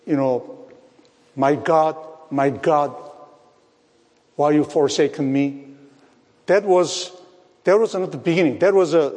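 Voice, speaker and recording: Man preaching slow, a bit high voice, asks the room questions, big hall echo. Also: a little mellow. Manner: slow, repeats phrases, asks the audience rhetorical questions. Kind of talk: sermon. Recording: long hall reverb.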